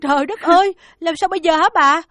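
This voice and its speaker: In this audiobook drama, an anxious young maid who pesters her mistress with worried questions. Her voice is high and the words come fast. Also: fairly bright tone, no echo, clean studio sound, faint music behind.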